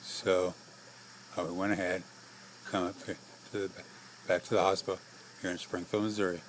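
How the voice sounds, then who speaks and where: A frail middle-aged American man tells his own story, clearly short of breath. His low voice stays very flat and comes in halting, short phrases. There is steady noise in the background. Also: poor audio. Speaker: patient telling own life story. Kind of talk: personal testimony to camera.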